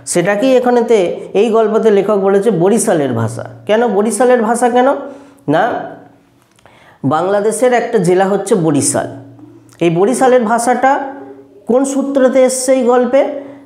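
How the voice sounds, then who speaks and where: A man's voice: sits high, lively intonation, a little slow, long pauses, dark tone, echoey room. A male teacher explaining a school lesson, asking himself questions and answering them, often repeating phrases.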